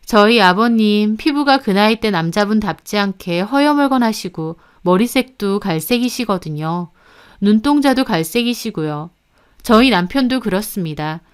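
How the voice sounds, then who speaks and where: Smooth-voiced woman reading a family story. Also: mid-range voice. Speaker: story narrator. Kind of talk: scripted first-person story narration.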